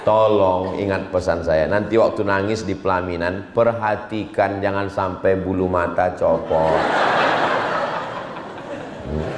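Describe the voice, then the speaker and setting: A man's voice: deep voice, fairly even intonation, unhurried, crowd noise. Male preacher, comic storyteller, live in a reverberant hall with faint noise. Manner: joking storyteller who acts out dialogues. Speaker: Islamic preacher. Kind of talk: humorous sermon. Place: large hall with an audience.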